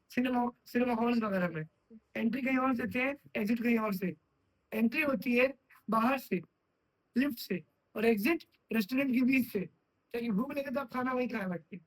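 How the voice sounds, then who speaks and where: A man's voice: very high-pitched, normal speed, pauses often, low-quality recording. A man teaching computer science in a classroom, often stopping to put check questions to his students. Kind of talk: classroom lecture.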